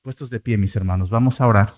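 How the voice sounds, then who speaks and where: A man with a Mexican Spanish accent preaching a sermon as pastor, swinging from loud, rising outbursts to soft, low endings. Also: fast.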